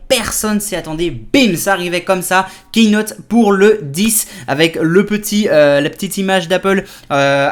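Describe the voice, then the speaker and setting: A man presenting a casual tech news vlog, talking in a lively way with many fillers and restarts. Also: sits high. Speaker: tech YouTuber.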